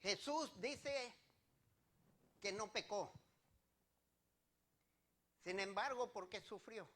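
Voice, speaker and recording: A man's voice: high-pitched, extremely slow, fairly bright tone. A male pastor preaching a sermon, rising to emphatic declarations and putting direct questions to the congregation.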